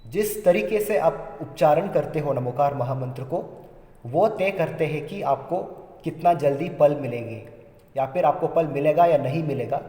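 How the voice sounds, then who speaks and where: A man's voice: fairly high pitch, mellow. A man giving a spoken pronunciation lesson, often repeating and restarting his phrases as he explains. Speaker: religious teacher. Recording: echoey room with long reverb.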